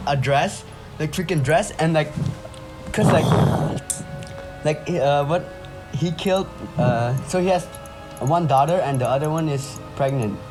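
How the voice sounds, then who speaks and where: This young Indonesian man has a fairly high voice, a measured pace, and long pauses, caught on a rough recording with music behind him. He tells stories and chats casually in frat-bro slang, full of "bro" and "dude."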